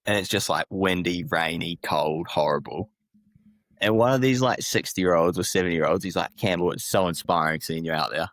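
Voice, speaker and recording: Young man, New Zealand accent, low voice, laid-back storyteller, dry close sound. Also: normal speed, a bit bright, dry recording. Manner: laid-back storytelling, swears and laughs often. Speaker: podcast guest, athlete. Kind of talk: casual chat.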